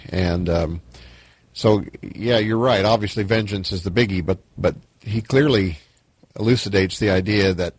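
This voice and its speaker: A man's voice: deep voice, breathy edge, dry recording. A man sharing reflective thoughts in a casual book discussion.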